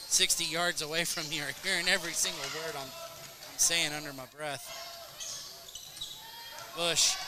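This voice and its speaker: Guy calling a school hoops game, kinda high voice, dry jokes, noisy gym all around. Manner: brisk calls, dry joking asides. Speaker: play-by-play announcer. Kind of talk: play-by-play commentary. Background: gym crowd and bouncing balls.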